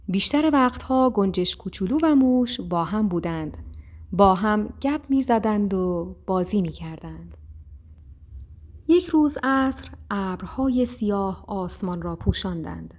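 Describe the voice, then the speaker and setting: A woman narrating a children's story in a calm, steady reading voice. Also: mid-range voice.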